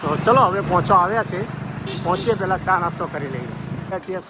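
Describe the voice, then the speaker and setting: A man's voice: high voice, animated, brisk. A man narrating a casual festive vlog into a phone camera, chatting directly to his viewers. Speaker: vlogger. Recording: street and traffic noise.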